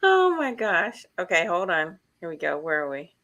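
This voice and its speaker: A woman's voice: on the low side, sing-song, normal speed, fairly bright tone. A woman hosting a casual podcast chat who laughs easily and puts questions to her guests. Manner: chatty and laughing, asks the group questions. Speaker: podcast host.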